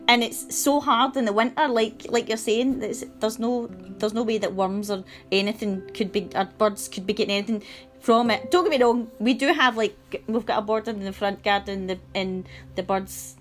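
Woman, lively casual guest, slightly high voice, music faint underneath. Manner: animated, laughs often, many restarts. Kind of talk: casual chat.

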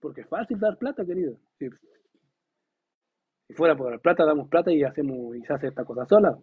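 A man preaching a sermon to his congregation, asking them questions and acting out quoted dialogue in a lively way. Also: on the high side, brisk, husky. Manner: lively, voices God and biblical figures in quoted dialogue. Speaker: pastor. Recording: dull lo-fi recording.

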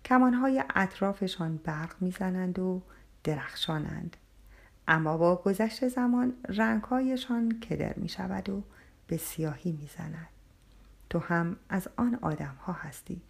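A woman voicing a calm, firm wandering dervish. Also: lowish voice, creaky. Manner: quiet and steady, often half-whispered.

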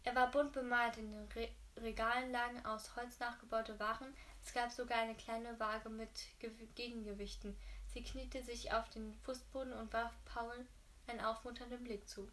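A woman's voice: on the high side, level tone, moderate pace, fairly bright tone, slight background noise. A woman reading a novel aloud, often stumbling and correcting herself mid-sentence. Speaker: reader.

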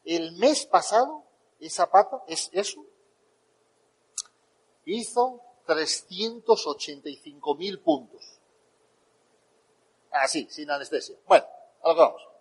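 A man with a Spain Spanish accent giving a motivational talk, telling animated stories and acting out the dialogue. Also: a little high, slow pace, long pauses, breathy edge, in a large hall, rough recording. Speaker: motivational speaker.

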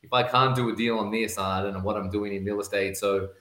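A man with an Australian accent, a real estate investor, tells his story casually as a podcast guest, rambling with lots of "you know" fillers and restarts. His voice is on the low side and a bit bright, with fairly even intonation and a fast pace. The sound is reverberant.

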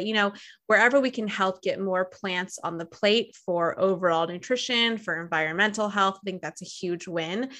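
A woman's voice: medium pitch, bright, forceful tone. A woman in her thirties with an American accent, chatting informally as a dietitian guest in a podcast interview. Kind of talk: casual interview chat.

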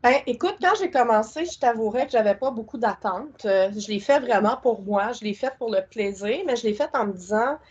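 A woman with a Québécois accent chats freely as a podcast guest, rambling with enthusiasm. Her voice is a touch high and husky. The sound is dull and lo-fi. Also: animated, a little fast, hardly any pauses, darkish tone. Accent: Québécois French. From Quebec. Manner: chatty, rambling, enthusiastic, colloquial. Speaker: guest, spiritual content creator. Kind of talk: casual interview chat.

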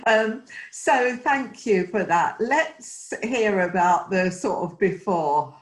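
A woman's voice: medium pitch, lively intonation, takes it slowly. A woman with an Essex accent, chatting casually as the host of an interview. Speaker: podcast host, coach trainer.

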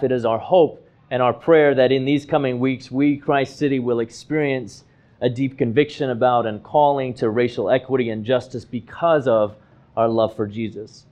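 A man in his thirties from Hong Kong, a pastor giving a measured, earnest, reflective sermon. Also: mid-range voice, a little mellow. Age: 30s.

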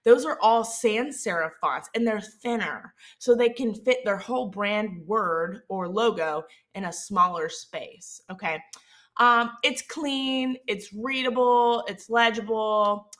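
A woman's voice: mid-range voice, takes it slowly, a bit bright. A woman with a Southern Mississippi accent hosting an instructional podcast, explaining things informally and conversationally, often checking in with the listener. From Mississippi, United States. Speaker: host of a branding and marketing show.

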